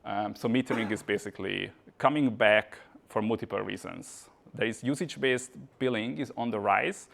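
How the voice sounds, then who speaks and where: A man's voice: lowish voice, normal speed, vocal fry, a bit bright. A man from Hungary, giving a casual tech meetup talk with frequent "uh" and "kind of" fillers. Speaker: conference speaker. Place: meetup venue.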